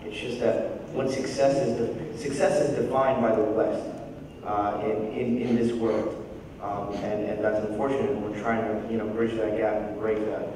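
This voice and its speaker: A man speaking as a panelist, thoughtful and halting, with frequent restarts. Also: lowish voice, flat delivery, noisy background. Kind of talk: panel discussion remarks. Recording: echoey hall, mic far off.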